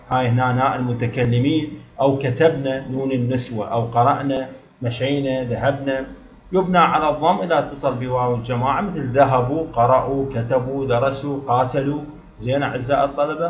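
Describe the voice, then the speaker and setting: Man, iraqi accent, teacher, quick delivery, echoey room, repeats key words. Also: mid-range voice. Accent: Iraqi Arabic. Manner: explains step by step, repeating words for emphasis. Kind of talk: recorded grammar lesson.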